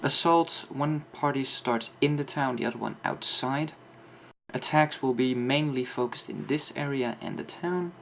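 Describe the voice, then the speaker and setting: A man with a mid-pitched, noticeably creaky voice talks through a game in a casual tutorial style. He explains off the cuff, thinking aloud as he plays. There is some background noise on the recording. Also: measured pace. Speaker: host of a tank game map guide.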